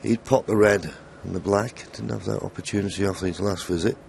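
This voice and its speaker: A man giving hushed live snooker commentary in measured phrases, pausing between thoughts. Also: fairly low pitch, steady tone, vocal fry. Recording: crowd and loud arena noise behind. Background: snooker arena crowd ambience.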